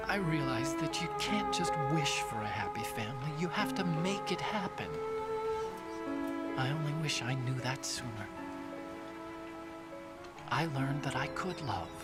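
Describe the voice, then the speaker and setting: A man voicing a gentle, grieving young man in a heartfelt monologue. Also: fairly high pitch. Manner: slow, soft, heartfelt monologue. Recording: cello score behind the voice.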